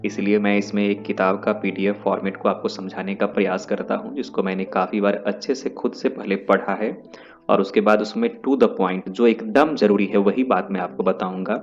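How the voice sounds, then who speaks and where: A man's voice: fairly low pitch, steady tone, normal speed. A man teaching an English lesson in a classroom style, explaining step by step and repeating key terms. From India. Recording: dull lo-fi audio with faint music.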